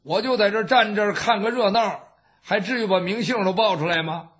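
A man voicing a blunt, brash middle-aged warrior who talks gruffly and boasts. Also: high-pitched, fairly quick, a bit bright. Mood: offhand. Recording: dull lo-fi recording.

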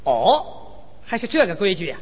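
A man's voice: sits high, huge pitch swings, normal speed, slightly rough, pitched below the performer's own voice, full character voice. A man doing a smug young fighter. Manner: smug, teasing. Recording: reverberant hall, dull lo-fi sound.

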